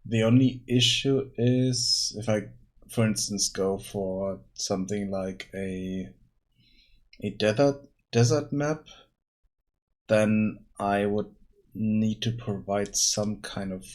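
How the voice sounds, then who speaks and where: Slow-talking tired male game developer. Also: on the low side, steady tone. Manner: unhurried, thinking aloud with pauses and restarts. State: tired, yawning. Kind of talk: casual live dev stream commentary.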